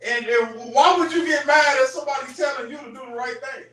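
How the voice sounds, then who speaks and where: High-voiced man leading a Bible study. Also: fast, bright, forceful tone. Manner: emphatic, conversational, keeps checking in with listeners. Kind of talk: group Bible study discussion. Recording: echoey room, voice from far off.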